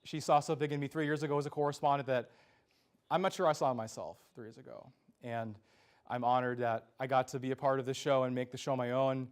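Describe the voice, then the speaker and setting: A man's voice: medium pitch, steady tone, fast. Young man anchoring a sports show. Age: young adult. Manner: earnest scripted anchor delivery. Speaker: student sports show host.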